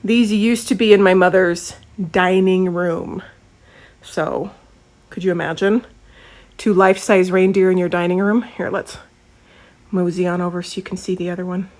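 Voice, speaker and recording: A woman's voice: on the low side, fairly even intonation, normal speed, darkish tone. An American woman talking casually and chattily, narrating a vlog as she shows people around. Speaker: vlogger, doll shop owner. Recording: faint background noise.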